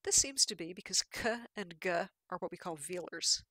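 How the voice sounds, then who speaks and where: A woman's voice: on the low side, animated, normal speed, sharp tone, no echo. A woman giving a patient, explanatory lecture with slides, with fillers and restarts.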